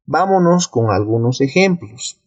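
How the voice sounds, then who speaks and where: A man's voice: medium pitch, measured pace, no echo, lo-fi sound. A man with a Bolivian Spanish accent teaching a video lesson, explaining step by step and posing rhetorical questions. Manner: clear, steady, didactic delivery with rhetorical questions.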